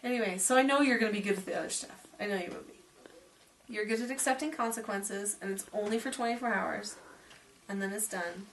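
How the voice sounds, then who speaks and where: A middle-aged woman speaks in a calm, gentle, reassuring way as a parenting teacher. Her voice sits at an ordinary pitch for a woman. The recording is taken from a distance, with a faint hiss behind it. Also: fairly quick.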